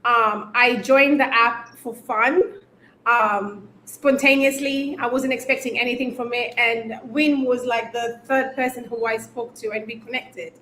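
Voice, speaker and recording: Young woman, kinda high voice, echoey room, chatty with lots of ums. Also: fairly even intonation, unhurried, bright, forceful tone, a little hiss or hum. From Kenya, raised in the UK. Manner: chatty storyteller with frequent ums. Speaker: guest, YouTuber. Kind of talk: casual interview chat.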